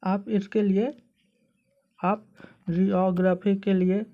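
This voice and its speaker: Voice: mid-range voice, level tone, slow pace. Teacher, Indian English accent, pronunciation lesson, syllable-by-syllable, patient, hesitant fillers, slightly dull phone recording. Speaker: online teacher.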